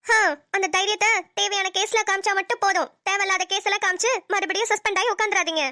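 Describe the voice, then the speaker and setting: A woman's voice: extremely high pitch, fairly even intonation, fast, pushed and bright, dry recording, clean studio sound. A woman voicing a cheeky young female college student in a cartoon, teasing and playful in her banter. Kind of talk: cartoon voice acting.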